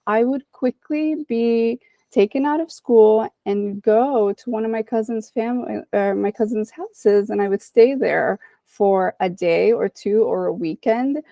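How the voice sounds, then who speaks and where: Woman, 30s; thoughtful guest psychologist with a warm, fry-tinged voice. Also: mid-range voice, no echo. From Dominican Republic. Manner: reflective, often adds "right?" and "you know". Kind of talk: podcast interview.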